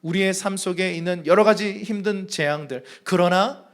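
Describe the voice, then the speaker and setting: A man's voice: high voice, steady tone, moderate pace. A male pastor preaching a sermon to his church, emphatic, and leading the congregation in reading aloud together. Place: church sanctuary.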